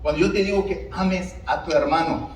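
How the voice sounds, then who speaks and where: Pastor, male, lively high voice, preaching in a church, roomy and a bit distant from the mic. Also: normal speed, a little hiss or hum. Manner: animated preaching with rhetorical questions to the congregation. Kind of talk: sermon. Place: church sanctuary.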